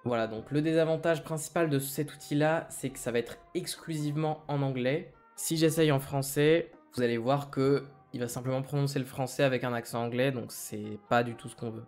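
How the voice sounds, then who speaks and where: A man walking viewers through a software tutorial, step by step, with a reassuring, friendly manner. His pitch sits in the middle range, and faint music plays underneath. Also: fairly even intonation, a little fast, hardly any pauses. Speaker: tech tutorial host. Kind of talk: screen-recorded tutorial.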